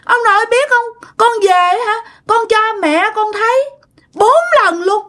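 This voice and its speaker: A woman's voice: very high-pitched, a little slow, fairly bright tone, voice pushed up. A woman voicing the ghost of a young child who was abandoned, reproachful and pleading. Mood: plaintive. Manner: childish whining, clingy and reproachful. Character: wronged ghost girl-child, sulky, whining, pleading. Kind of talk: storytelling.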